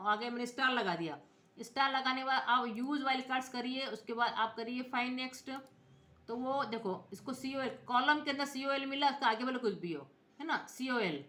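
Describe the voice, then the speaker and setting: Female computer teacher: high, bright voice, patient step-by-step explanations, echoey room sound. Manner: explains step by step, spells out letters, often checks in with viewers. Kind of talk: screen-recorded software tutorial.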